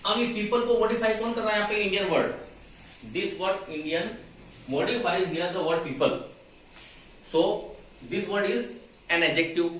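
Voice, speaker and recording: A man teaches English grammar in a slightly high voice, posing questions to his students and answering them himself. His voice rings through a very echoey room and is picked up from some distance away, with faint room noise behind it. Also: fairly bright tone. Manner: explains step by step, asks and answers his own questions. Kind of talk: classroom grammar lesson.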